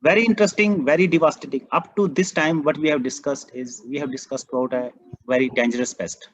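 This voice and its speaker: A man from India with an Indian accent, giving an earnest, emphatic online training lecture on a video call. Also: mid-range voice. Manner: earnest, emphatic, repeats key points. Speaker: agronomy trainer. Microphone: computer mic on a video call. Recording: muffled video call audio.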